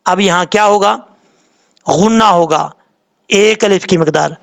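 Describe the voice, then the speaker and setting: High-voiced man teaching recitation step by step. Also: creaky. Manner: patient, step-by-step, repeats letters and rules; slowly draws out sounds when demonstrating words. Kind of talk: tajweed lesson explaining pronunciation rules.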